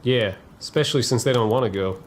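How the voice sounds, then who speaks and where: In a historical western dramatization, a man plays a seasoned, unsympathetic cavalry private who obediently follows orders. He talks fast at a middling pitch, lightly acted, with folksy, dismissive phrasing and a wry mood, over faint background noise.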